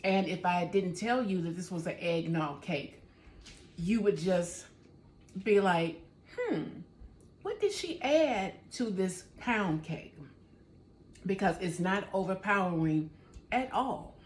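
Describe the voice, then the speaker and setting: A woman hosts a home baking channel, chatting in an easygoing way and speaking directly to viewers from her kitchen. Her voice is lowish with lively intonation, and she speaks slowly in this casual cooking vlog.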